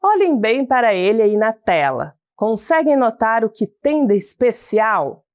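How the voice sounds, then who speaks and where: A woman teacher with a Brazilian Portuguese accent, giving a slow sing-song lesson to schoolchildren. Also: on the high side, sing-song, no room sound, clean studio sound. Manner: slow, sing-song, addresses pupils as "bonitos".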